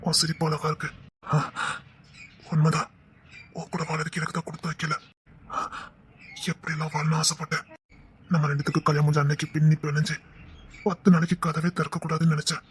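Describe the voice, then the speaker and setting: An actor playing a gentle young man, unhappily married, who talks in a soft, husky voice in a TV serial melodrama. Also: fairly high pitch, completely flat delivery, fairly quick, pauses often, a little hiss or hum, natural voice. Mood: confiding.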